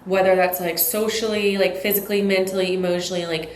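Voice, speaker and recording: A young married woman, a podcast guest talking in a halting, reflective way. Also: medium pitch, fairly even intonation, a little mellow, echoey room, slight background noise. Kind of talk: casual chat.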